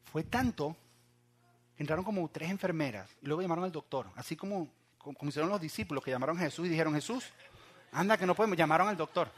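A young man with a fairly high voice preaches a sermon. He moves from loud, urgent cries down to hushed asides, talking straight to his listeners. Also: animated, quick pace, slightly rough. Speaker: pastor.

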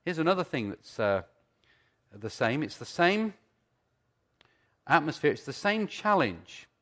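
Male preacher, mature, lively intonation, conversational storytelling style with rhetorical questions. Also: on the high side, unhurried. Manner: conversational, repeats phrases for emphasis, rhetorical questions. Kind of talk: sermon with storytelling and teaching.

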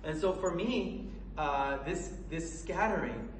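A man preaching a sermon with a fairly high voice. He talks earnestly and haltingly, with plenty of fillers and restarts. He is recorded in an echoey room, away from the mic, with faint background noise. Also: expressive, recorded from a distance. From Colorado, USA.

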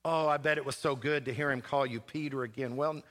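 A man preaching as pastor, animated and stammering into quick questions during a dramatic sermon. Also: mid-range voice. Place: church.

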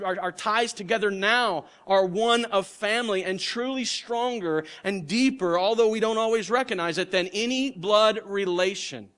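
In a high-pitched, fairly bright voice, a middle-aged man preaches a sermon, speaking earnestly and conversationally and restarting his words again and again.

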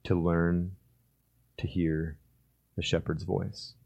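A male pastor with a low, level voice and some vocal fry preaches a sermon. He alternates between loud, fervent stretches and hushed, drawn-out emphasis, voicing biblical figures as he retells the story.

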